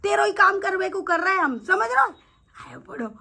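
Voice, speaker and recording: A woman's voice: extremely high pitch, lively intonation, normal speed, vocal fry, sharp tone, pitched above the performer's own voice, exaggerated voice. Woman putting on a giggling teasing boy god. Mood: cheeky boasting. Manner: laughing while talking, cheeky.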